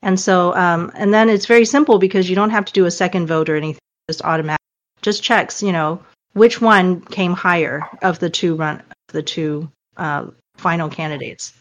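A woman in a casual online discussion who speaks hesitantly with many pauses and fillers, her voice cutting out over the call connection. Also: fairly low pitch, fairly even intonation. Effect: audio cutting out on an online call. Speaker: panel discussion participant. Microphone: home mic on a voice chat app.

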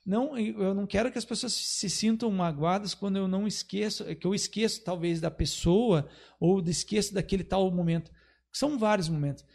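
A man's voice: sits high, a little fast, gravelly. A man, a guest telling stories in a casual podcast and repeating his phrases as he goes. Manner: warm storytelling, repeats phrases. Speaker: guest, culture official and photographer.

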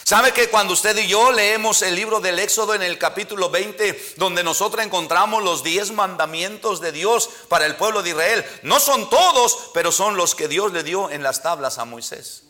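A pastor delivers an emphatic sermon from a church pulpit, often turning to his listeners as brother. His voice sits high for a man and sounds bright and forceful. He slows down to stress each scripture line he reads. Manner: emphatic preaching, repeatedly addressing listeners as brother.

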